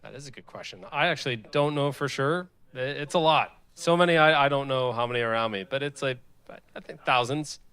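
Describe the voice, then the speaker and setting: A man co-presenting at an event, speaking casually and haltingly to an audience, often interrupting himself. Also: mid-range voice, bright, forceful tone, clean tone.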